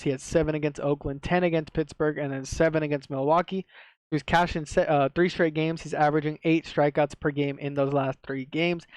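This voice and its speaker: A man's voice: a little high, clean tone, no room sound. A man with a slight lisp from wearing a retainer, giving casual, slangy sports betting commentary to viewers. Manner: slangy, swearing, repeats himself for emphasis. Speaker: sports betting tipster, video host.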